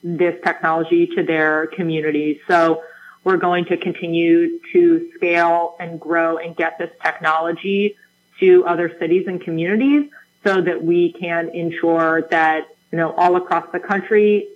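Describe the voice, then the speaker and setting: A woman who directs a program talks as a radio guest. Her voice sits fairly low, yet she sounds upbeat as she explains, with an occasional "um". Her voice comes through dull and lo-fi, as if over a remote line. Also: steady tone, normal speed, a little hiss or hum. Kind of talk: radio interview answers.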